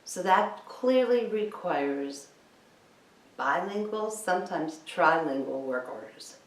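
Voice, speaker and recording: Speaking slowly with a fairly low, expressive voice, this woman trains people for a cleaning business, hammering points home insistently and throwing out rhetorical questions. Her lecture is caught by a far-off microphone amid echo and background noise.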